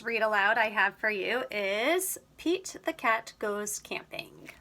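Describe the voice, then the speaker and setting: Her voice is mid-range as she reads a children's storybook aloud. She narrates expressively and deliberately, like a practiced storyteller.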